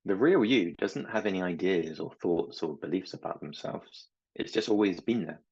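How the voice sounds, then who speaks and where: A low-voiced middle-aged man with a husky edge, speaking as a mindset coach. He talks in a slow, gentle, reflective way, and the recording sounds slightly dull. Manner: slow, gentle and reflective, with anecdotes about his children. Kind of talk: reflective talk to camera.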